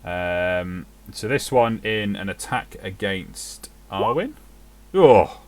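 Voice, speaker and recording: A man with a fairly low voice runs a tabletop game as game master. He calls out rolls and damage in a relaxed, matter-of-fact way. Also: takes it slowly, dry recording.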